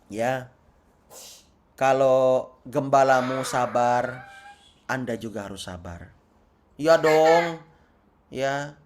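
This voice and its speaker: A male pastor giving a sermon with slow, repetitive phrasing and playful asides. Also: mid-range voice, slight background noise.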